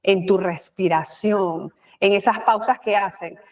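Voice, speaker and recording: Animated Panamanian woman guest. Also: medium pitch, a little slow. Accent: Panamanian Spanish. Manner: animated, expressive, with frequent filler words and quoted asides. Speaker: guest, communication expert. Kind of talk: conversational interview.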